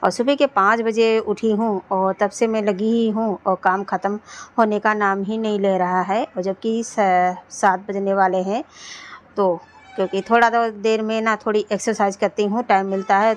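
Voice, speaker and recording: A woman in her thirties, a homemaker, chatting casually through her daily chores at home in a rambling vlog style with frequent restarts. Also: medium pitch. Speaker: homemaker vlogger. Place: at home, indoors and on a rooftop.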